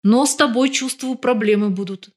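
A woman's voice: fairly high pitch, normal speed, lightly acted. A woman reading as a brash, mocking young woman. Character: bold scheming young woman, mocking and tough.

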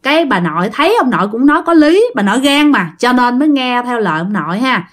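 A woman's voice: a little high, sing-song, fast. A woman telling a family ghost story in a chatty way, talking straight to her listeners. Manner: chatty, addresses listeners directly, laughs.

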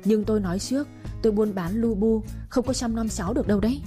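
A woman's voice: a little high, fast, music in the background, natural voice. A woman voicing a harsh, scornful older mother-in-law who scolds bluntly and dismissively. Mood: scolding.

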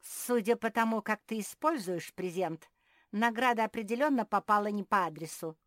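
A woman's voice: on the low side, sing-song, extremely slow, sharp tone, no room sound, studio quality, exaggerated voice. Fields: Figure: woman doing a snide hedgehog girl. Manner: snide, scolding. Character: sarcastic sharp-tongued girl hedgehog. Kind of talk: storybook reading.

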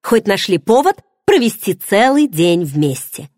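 A woman's voice: mid-range voice, sing-song, a little slow, a little mellow, dry recording, clean studio sound. A woman voicing a playful, nosy young pregnant friend who teases with pushy questions. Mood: teasing. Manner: teasing, bubbly, pushy questions.

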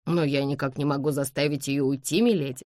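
A woman's voice: very deep voice, steady tone, fairly quick, darkish tone, no echo, clean studio sound. A woman voicing a harried, servile male footman who reports nervously and apologetically in an audiobook. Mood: fretful.

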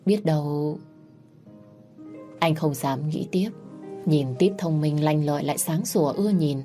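A woman narrating a sad family story in a calm, even storytelling manner. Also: low-pitched, normal speed, soft background music.

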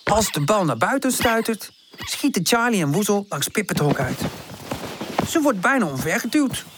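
Expressive woman reading a children's story. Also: mid-range voice, moderate pace, background noise. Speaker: audiobook narrator.

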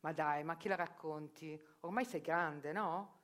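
This middle-aged woman, a journalist, speaks in a low voice and a little slowly. She performs a theatrical monologue with irony and self-questioning that swells into urgent outbursts, heard on a radio broadcast with faint live music playing.

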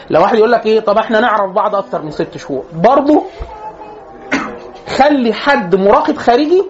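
A man's voice: high voice, muffled recording, a little hiss or hum. A man with an Egyptian accent giving an informal psychology lecture to a class, chatty and joking, often restarting his phrases. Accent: Egyptian Arabic.

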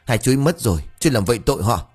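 A man's voice: medium pitch, sing-song, rapid-fire, husky. A man voicing a frightened older brother who begs and pleads through tears. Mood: pleading. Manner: begging, tearful pleading.

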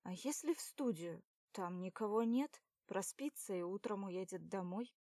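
A woman voicing a calm, easygoing young man with an even, practical manner. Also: medium pitch, normal speed, no room sound, studio quality.

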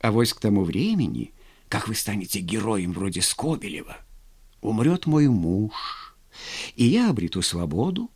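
A man's voice: fairly low pitch, big pitch swings, normal speed, a little mellow, slightly rough, pitched below the performer's own voice. A man reading a story, voicing a young married woman who mocks her suitor in a languid, teasing way. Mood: coolly mocking. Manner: languid, mocking.

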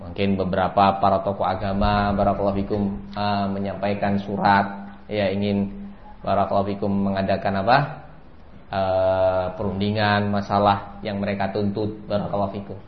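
A man's voice: fairly low pitch, completely flat delivery, moderate pace, a little hiss or hum. A man giving a sermon lecture, repeating a set phrase often and rising sharply for emphasis. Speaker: Islamic preacher. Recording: echoey, dull lo-fi lecture recording.

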